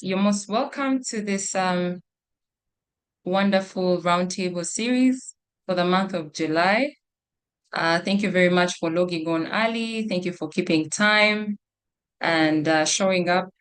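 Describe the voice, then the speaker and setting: A woman's voice: fairly low pitch, a little slow. A woman speaking very politely and formally, like a conference-call host, as she introduces an online roundtable session.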